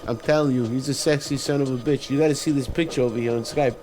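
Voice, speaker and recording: Male radio host, rambly and effusive, trips over his words, mid pitch. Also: steady tone, quick pace, noisy background. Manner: rambling, stammering, effusive praise. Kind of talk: casual interview sign-off.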